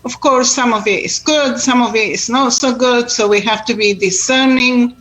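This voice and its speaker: A woman's voice: on the high side, moderate pace, a bit bright, faint music behind, poor audio. A woman, born in Israel and raised in Argentina, talks earnestly in an interview about faith, with many fillers and repetitions. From born in Israel, grew up in Argentina. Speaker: tour guide and Bible teacher.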